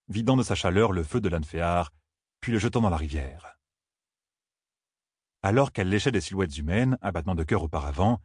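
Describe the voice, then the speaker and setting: A man reading a fantasy audiobook in a steady, grave, measured way. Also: deep voice, slightly rough, no room sound, studio quality. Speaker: audiobook narrator. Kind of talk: scripted fantasy narration.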